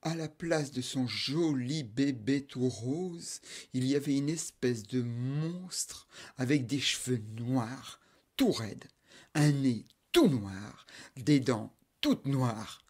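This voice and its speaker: A man telling a folk tale aloud, with rhythmic repetitions and sudden loud outbursts. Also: mid-range voice, animated, takes it slowly, breathy edge. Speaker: storyteller.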